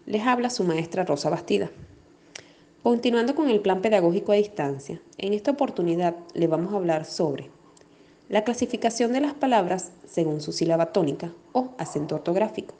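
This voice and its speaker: A woman teacher giving a recorded distance-learning lesson to children, speaking slowly and clearly and stressing syllables as she explains. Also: mid-range voice, animated, dark tone. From Venezuela. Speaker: primary school teacher.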